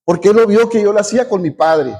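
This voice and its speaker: A man's voice: sits high, quick pace, a little mellow. A middle-aged male pastor preaching a sermon, earnest, repeating words as he builds his point and now and then dropping in an amen.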